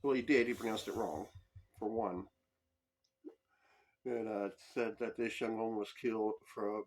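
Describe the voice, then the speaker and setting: Husky man ranting on a political podcast. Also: medium pitch. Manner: heated, profane ranting. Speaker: podcast host. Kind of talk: political commentary monologue.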